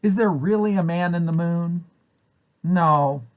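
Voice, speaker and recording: Reading a picture book to young children, a man who directs a preschool site asks questions and answers them as part of the story. He speaks a little slowly, in a fairly high voice.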